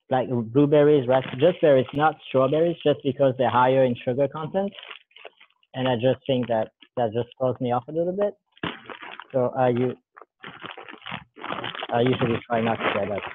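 Over a thin, phone-like call line, a man with a medium-pitched voice demos a recipe as a guest, with slight background noise audible. His manner is relaxed and rambling, and he corrects himself while his hands are busy. It's a casual cooking demo held indoors in a large, bare room with a counter.

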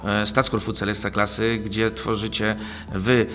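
Talkative man with a low voice. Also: flat delivery, a little slow, bright, forceful tone, faint music behind. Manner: talkative, many fillers and restarts. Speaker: league president, guest. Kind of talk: interview answers. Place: small office studio. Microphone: desk mic on boom arm.

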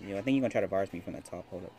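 Excitable young man calling out game moves. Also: sits low, soft background music. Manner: excitable, swearing, quick callouts. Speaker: gaming channel host. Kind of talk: casual gameplay chat with friends.

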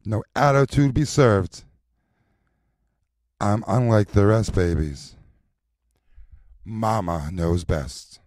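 A man performing recorded voice lines as a sassy, confident drag mother teaching a class, in a slow rhythmic chant with sultry stretched endings. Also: lowish voice, darkish tone, no echo, clean studio sound.

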